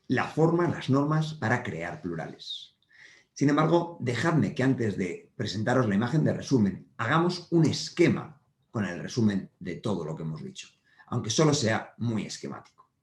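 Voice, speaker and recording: A male teacher explains grammar at a whiteboard, patient and repetitive, checking that the class follows. His voice sits fairly low. The sound carries a roomy echo. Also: big pitch swings, normal speed. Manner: patient, repeats points with frequent check-ins. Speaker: primary school teacher. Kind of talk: whiteboard grammar lesson for children.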